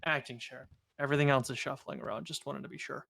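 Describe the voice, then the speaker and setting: Fast, gravelly man presiding as judge. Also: mid-range voice, fairly even intonation, fairly bright tone, dry recording. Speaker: presiding judge in a role-play court. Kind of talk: improvised courtroom role-play.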